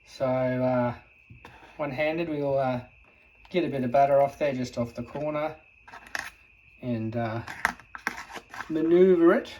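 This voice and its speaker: A man, casually talking himself through cooking and gardening in a home vlog, relaxed and full of fillers. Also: mid-range voice, unhurried, pauses often, slight background noise. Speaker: vlogger, home gardener and cook. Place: home kitchen and vegetable garden.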